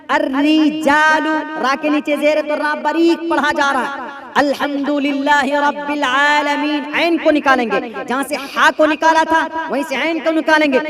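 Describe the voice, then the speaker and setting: A male Islamic preacher giving a sermon on Quran recitation rules, slowly drawing out the words as he demonstrates them. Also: very high-pitched.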